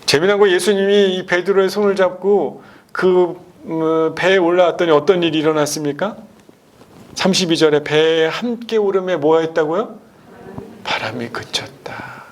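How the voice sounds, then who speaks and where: A male pastor preaching a sermon, asking the congregation rhetorical questions and swinging between loud and hushed delivery. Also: fairly high pitch, normal speed.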